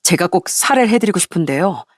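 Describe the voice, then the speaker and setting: A woman's voice: fairly low pitch, lively intonation, fast, dry recording, clean studio sound. A woman voicing a polite young man who earnestly thanks someone over the phone. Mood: grateful.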